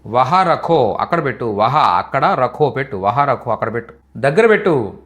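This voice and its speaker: A man's voice: medium pitch, big pitch swings, normal speed, a bit bright. A man teaching in a live online language class, repeating each phrase patiently for students. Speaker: Hindi teacher.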